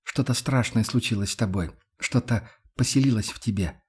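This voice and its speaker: A man's voice: medium pitch, moderate pace, a little mellow, slightly rough. A man reading an audiobook, voicing a young woman who pleads and breaks with emotion. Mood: haunted. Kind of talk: audiobook character voice.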